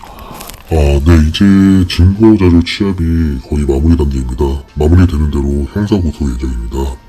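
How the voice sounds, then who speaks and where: An anonymous speaker whose voice is disguised with a deep pitch shift, so it sounds extremely low, dark and husky. The delivery is formal and measured, with frequent hesitant pauses. A faint bed of music sits underneath. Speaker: anonymous fraud victim interviewee. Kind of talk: reading a prepared account in an interview.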